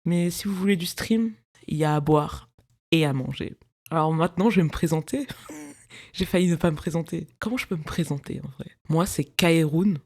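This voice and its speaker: A woman's voice: low voice, normal speed, a little mellow. Chatty young woman hosting a podcast. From France, of Cameroonian parents. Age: 20s. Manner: chatty, digressive, laughs often, slangy. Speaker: podcast host. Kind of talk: casual solo podcast chat. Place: her bedroom.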